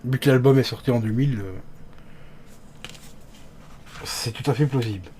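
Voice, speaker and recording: A man of ordinary pitch talks through an unboxing in a relaxed, chatty way. He hesitates often, filling gaps and restarting words as he goes. His voice drifts nearer and farther from the mic as he handles things. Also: fast, slight background noise. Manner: chatty, hesitant with many fillers; talks to viewers as friends. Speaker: unboxing youtuber. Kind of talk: casual unboxing commentary.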